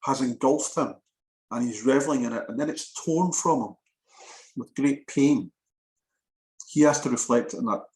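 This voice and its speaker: A man's voice: medium pitch, roomy sound, low-quality recording. A man giving a talk on film history in a conversational, digressive way, sometimes reading lines aloud to test where the stress falls. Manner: conversational, digressive, quotes lines with shifting emphasis. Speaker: lecturer. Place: lecture room.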